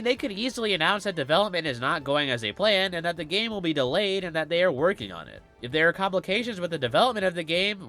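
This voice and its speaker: A man's voice: high-pitched, bright, forceful tone. A man with a cold giving scripted video game commentary in a stuffy, nasal voice, as if pinching his nose.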